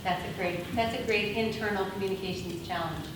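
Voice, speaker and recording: A woman presents a conference workshop, taking audience questions, speaking loudly and laughing. Without a mic, her medium-pitched, slightly fast voice carries from far away across an echoey room. Steady room noise runs beneath her.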